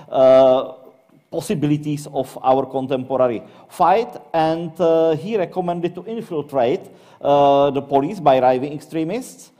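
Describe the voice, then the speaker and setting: A man from the Czech Republic with a Czech accent, presenting as an academic panelist in English. His delivery is halting, with frequent fillers and repeated words. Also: on the high side, warm tone.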